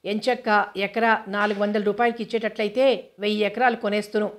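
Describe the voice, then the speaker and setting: A woman reading the lines of a dreamy man who mutters slowly to himself. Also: mid-range voice, flat delivery, natural voice. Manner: muttering, slow.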